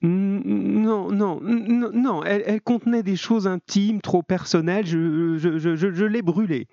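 A man's voice: sits high, a little slow, warm tone, no room sound, pitched above the performer's own voice. Man putting on a stammering, frantic young woman. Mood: desperate pleading. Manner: stammering, pleading. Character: anxious hypnotized young woman, stammering and pleading. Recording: dull lo-fi, dry.

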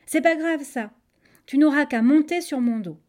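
A woman's voice: high voice, moderate pace, a little mellow, voice pushed up, close to an everyday voice. A woman doing a sly grinning crocodile. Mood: sugary friendly. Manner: sugary, overly friendly, sheepish. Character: sly hungry male crocodile, falsely friendly.

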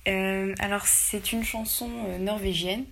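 Young female caller heard over the air, mid-pitched, halting and filler-heavy. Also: steady tone, vocal fry, a bit bright, slight background noise. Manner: hesitant, many fillers. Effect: listener's call played on air. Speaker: radio show caller. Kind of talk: personal anecdote about a song.

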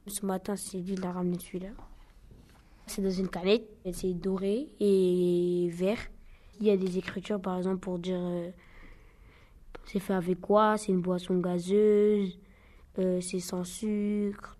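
A woman's voice: fairly low pitch, level tone, a little slow, warm tone. A teenage girl from Côte d'Ivoire describing things while searching for words. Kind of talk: spoken testimony.

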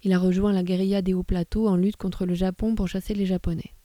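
A woman voicing an orphaned eleven-year-old boy, speaking slowly. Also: mid-range voice, level tone, dark tone, no room sound, lightly acted. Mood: earnest.

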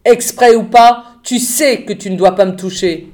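A woman's voice: medium pitch, normal speed, dark tone, lightly acted. A woman reading a storybook voices an arrogant teenage boy, speaking with contempt and threats. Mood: haughty.

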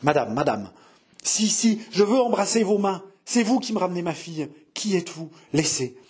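Jeanne, a husky man voicing a frantic young mother. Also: very animated, normal speed, a little mellow, full character voice. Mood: pleading. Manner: high, breathless, babbling and pleading. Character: frantic grief-stricken young mother, feverish and doting.

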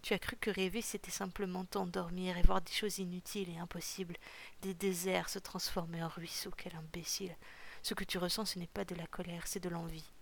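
A woman reading the part of a blunt, wise old male fisherman in a storybook, gruff and scolding. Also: on the low side, flat delivery, brisk. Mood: stern. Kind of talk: audiobook character reading.

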